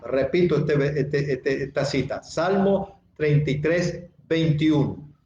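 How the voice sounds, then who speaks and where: Slow, higher-voiced pastor preaching in echoey room. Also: male voice, darkish tone, highs cut off, a little hiss or hum. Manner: slow and deliberate, repeating key phrases and addressing listeners directly. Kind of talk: sermon.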